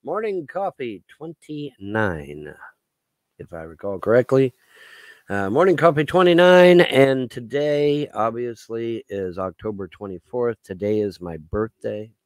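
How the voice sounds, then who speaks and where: A man's voice: mid-range voice, lively intonation, measured pace, no room sound. A man in his late fifties hosting a casual live stream, rambling and aggrieved, swearing freely. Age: 50s. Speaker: livestream host.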